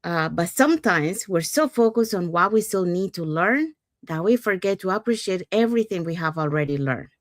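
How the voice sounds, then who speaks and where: Upbeat low-voiced woman hosting a panel. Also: lively intonation, normal speed, no echo, studio quality. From Panama. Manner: upbeat, leans on "so" and "you know". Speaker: host. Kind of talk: live panel talk show hosting.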